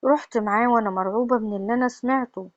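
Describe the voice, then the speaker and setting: A woman with an Egyptian accent telling a first-person confessional story in a steady, plain way. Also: on the high side, rapid-fire, no room sound, lo-fi sound. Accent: Egyptian Arabic.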